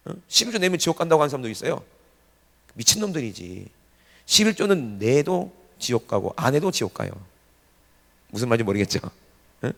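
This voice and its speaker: A man preaching a revival sermon to a congregation, animated and often shouting, firing off rhetorical questions. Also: on the high side, vocal fry. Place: church sanctuary. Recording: reverberant church hall.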